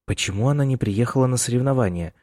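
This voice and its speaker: In an audiobook, a male narrator takes on the role of a worried middle-aged mother who keeps fussing over her son, sounding anxious and insistent. He speaks quickly at a medium pitch with a darkish tone, raising it above his natural voice while keeping it close to everyday speech. The studio-quality recording has no room sound.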